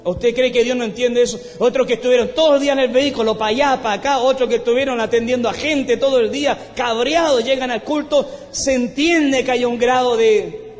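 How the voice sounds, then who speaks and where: Male Chilean pastor, impassioned high-pitched shouting delivery, reverberant hall with music behind. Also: steady tone, fairly quick. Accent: Chilean Spanish. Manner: impassioned, often shouting praise. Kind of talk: fervent preached sermon.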